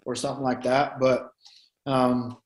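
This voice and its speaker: A man's voice: mid-range voice, little pitch movement, a little slow, rough recording. A man with a Tennessee accent chatting casually as an interview guest, in a laid-back, colloquial way. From Tennessee, United States. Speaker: guest, professional fighter.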